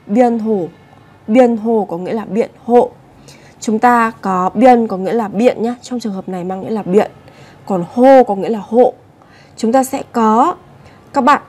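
A woman's voice: a little high, mellow, breathy edge. Patient woman teaching vocabulary. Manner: patient, repeats each word, addresses viewers directly. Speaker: Korean language teacher. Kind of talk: vocabulary lesson explanation.

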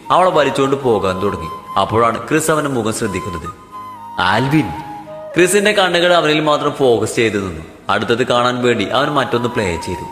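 Male story narrator, mid pitch, dramatic delivery, faint music behind. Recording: echoey room with long reverb. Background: faint background music.

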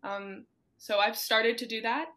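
A teenage girl, a student entrepreneur, answers interview questions over a laptop webcam video call from a home room with closet doors. She's upbeat and giggly with lots of ums. Her voice is fairly high, with fairly even intonation, a sharp tone and a slightly slow pace.

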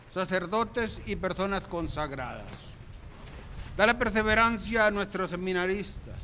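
A man's voice: sits high, pushed and bright. A man in his sixties, a deacon reading prayers aloud at Mass into a close microphone. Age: 60s. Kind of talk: read prayer and liturgical dismissal. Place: small open-sided chapel in daylight. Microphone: handheld or stand microphone, close. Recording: clear ambient background noise.

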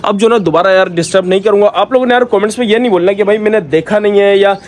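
Fast-talking chatty male pet vlogger. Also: high-pitched. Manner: chatty, affectionate, peppered with "yaar" and "bhai"; coaxing pets softly. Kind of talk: casual vlog narration.

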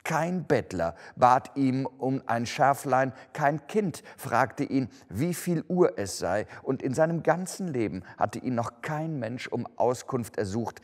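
A male actor reading a classic story aloud in an expressive, measured way. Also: medium pitch. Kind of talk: scripted storybook narration. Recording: long hall reverb.

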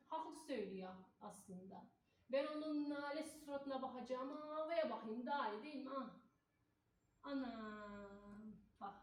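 A woman's voice: a little high, a little hiss or hum, close to an everyday voice. A woman playing a chatty, gossipy middle-aged cleaning lady, in a comic stage monologue. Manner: chatty, folksy, sprinkles exclamations. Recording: echoey room, voice far from mic.

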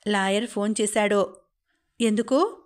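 A woman's voice: mid-range voice, measured pace, lightly acted. A woman voicing an angry young woman in an audiobook, snapping back in short lines.

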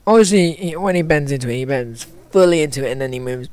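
A man's voice: a little high, expressive, quick pace, a little mellow, dry recording. A man with hiccups talking through an animation tutorial in a casual, stop-start way, thinking aloud and correcting himself as he works. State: has hiccups. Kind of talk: casual screen-recorded tutorial.

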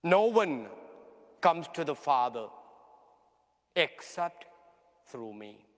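A male priest reads scripture in a slow, measured liturgical cadence, his voice sitting a touch high for a man. The sound carries a long cathedral echo and comes from some distance away in a large church. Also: sing-song, fairly bright tone. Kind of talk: reading the Gospel at a funeral Mass.

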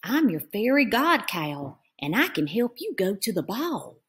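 A woman voicing a gentle magical fairy god cow who speaks slowly and softly. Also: medium pitch, big pitch swings, husky, full character voice.

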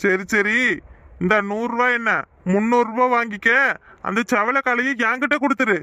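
A man's voice: very high voice, fairly even intonation, moderate pace, bright, forceful tone, no echo. A man voicing a greedy, scheming village landlord in a cartoon. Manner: bossy, scheming.

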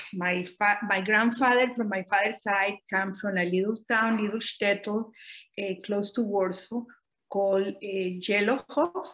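An oral history interviewee, a middle-aged woman from Costa Rica, reminisces about her family at an unhurried pace, frequently hesitating with "eh" and correcting herself. Her voice is medium-pitched with a fairly bright tone. She is indoors in a home room, and the video call webcam yields low-quality audio.

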